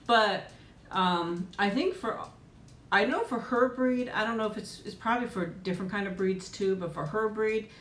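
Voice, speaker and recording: A middle-aged woman hosts a live chat and eating stream from home, speaking at normal speed with a fairly bright tone. She rambles casually, laughs often and says "um" a lot. The room is echoey, with a faint rumble underneath.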